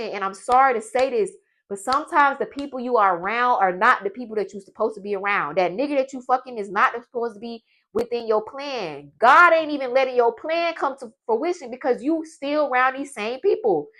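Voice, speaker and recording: A young woman in her late twenties delivers a preachy, profane motivational talk straight to her viewers. Her voice sits a little high for a woman, and her manner is blunt and forceful. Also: normal speed. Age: 20s. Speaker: vlogger.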